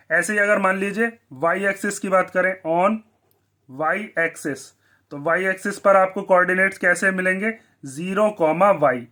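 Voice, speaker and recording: High, bright-voiced male maths teacher. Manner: asks the class questions and answers them himself. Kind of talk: blackboard maths lesson.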